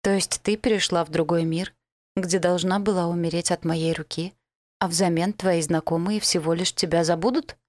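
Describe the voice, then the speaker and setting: A woman reading an audiobook and voicing a calm, protective male dark elf who speaks softly and reassuringly. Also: on the low side, moderate pace, dry recording, close to an everyday voice. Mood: incredulous. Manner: soft, soothing, reassuring. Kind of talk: audiobook character voice.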